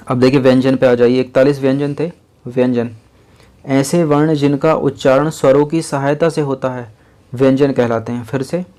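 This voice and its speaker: A man teaching a lesson in an explanatory classroom style, repeating each point slowly and counting items aloud. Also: fairly high pitch, darkish tone.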